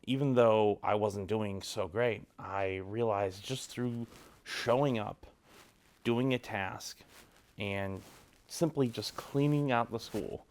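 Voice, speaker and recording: Laid-back young man, slightly low voice. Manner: relaxed, rambling, many ums and likes. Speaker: vlogger. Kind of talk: casual advice talk to camera. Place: cold home garage.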